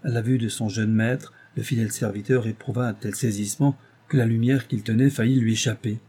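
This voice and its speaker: Male narrator, audiobook novel reading, mellow tone, husky voice. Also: medium pitch, fairly even intonation, brisk.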